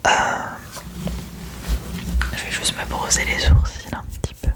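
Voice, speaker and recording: A young woman whispering casual ASMR chat into a close microphone while doing her makeup at home, chatty and self-mocking. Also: measured pace. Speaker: ASMR creator.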